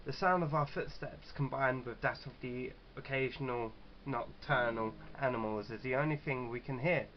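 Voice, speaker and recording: A gaming channel host, a man with a medium-pitched voice, chats casually through a let's-play and reads game text aloud, halting and stumbling as he goes. His lo-fi mic sounds dull, and background noise is clearly audible.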